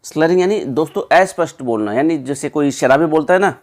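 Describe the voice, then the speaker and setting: A young man working through exam questions as a teacher, chatty, often checking in with listeners, reading options slowly before explaining them. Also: on the high side, animated. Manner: conversational, repeats "ठीक है" and "दोस्तों"; reads English options slowly, then explains.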